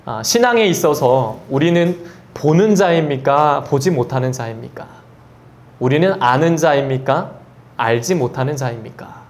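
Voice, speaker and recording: A man preaching a sermon as pastor. He asks the congregation questions, reads scripture slowly and tells stories in a conversational way. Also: mid-range voice, lively intonation. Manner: conversational storytelling asides.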